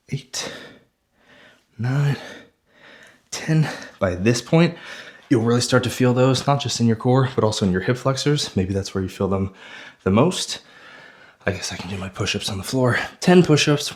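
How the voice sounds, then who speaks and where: A man leading a follow-along workout as a fitness coach, out of breath, counting reps aloud that trail off breathy mid-set. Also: medium pitch.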